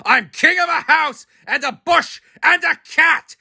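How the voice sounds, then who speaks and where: A man voicing a pompous, boastful male turtle king who shouts and bellows. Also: very high voice, unhurried, dry recording, clean studio sound, pitched above the performer's own voice, exaggerated voice. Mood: imperious. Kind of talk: storybook reading.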